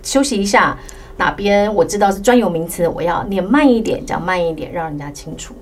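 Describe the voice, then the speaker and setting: A woman's voice: on the low side, lively intonation, fairly quick. A woman with a Taiwanese Mandarin accent, a podcast host explaining points in casual chat.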